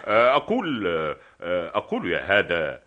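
A man's voice: lowish voice, huge pitch swings, moderate pace, fairly bright tone, dull audio. A man acting a stern, bossy police soldier in a stage comedy, barking orders. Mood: suspicious. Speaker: stage actor.

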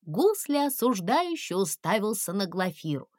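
Woman storyteller, animated and unhurried, dry close recording. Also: mid-range voice, no room sound. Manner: expressive, plays all the figures. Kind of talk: children's story reading.

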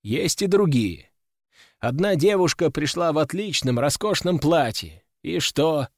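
Expressive male audiobook narrator. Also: fairly high pitch, measured pace, no room sound, clean studio sound. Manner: expressive storytelling. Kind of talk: first-person scripted narration.

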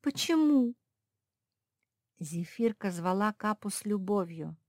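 Brief: woman storyteller for a kids' audiobook, unhurried, dry close mic. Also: lowish voice, a little mellow, dry recording. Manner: slow, measured storytelling. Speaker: narrator. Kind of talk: children's audiobook reading.

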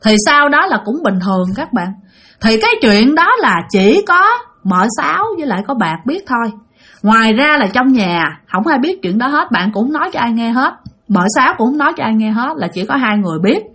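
A woman with a Southern Vietnamese accent narrating a ghost story in an animated, chatty way, speaking straight to her listeners. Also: a little high, fairly quick, breathy edge.

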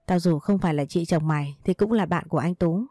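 Woman voicing bossy rude woman, blunt insults, low dark voice, dry sound, audio story. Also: fairly quick, no room sound, lightly acted. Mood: scornful. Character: rude, scornful adult woman, former sister-in-law. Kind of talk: read storybook dialogue.

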